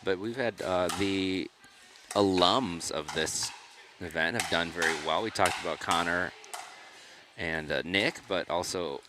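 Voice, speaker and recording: A man's voice: sits low, unhurried, background noise. A man doing laid-back, folksy live play-by-play commentary, calling scores in an indoor gym.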